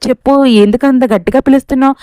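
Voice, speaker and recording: A woman's voice: sits high, fairly even intonation, racing, warm tone, dry recording, studio quality, pitched above the performer's own voice, lightly acted. A woman reading the lines of an earnest young man who is a devoted son, in a reassuring storytelling voice.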